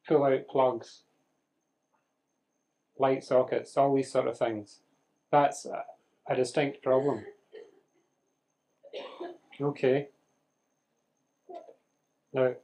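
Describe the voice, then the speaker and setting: A man's voice: medium pitch, warm tone. Man lecturing a class. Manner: conversational, questioning the class, dry humour. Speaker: medical lecturer. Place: lecture room with audience.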